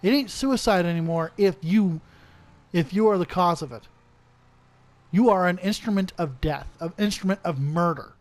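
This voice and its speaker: A man's voice: high voice, moderate pace, no room sound. A man co-hosting a casual podcast, talking in an earnest, preachy, ranting way. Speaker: podcast co-host.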